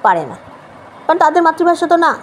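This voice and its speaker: A woman with a Bengali accent teaching English, explaining step by step and slowing down carefully for each English example. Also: very high-pitched, sing-song, a little hiss or hum, low-quality recording. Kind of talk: spoken language lesson.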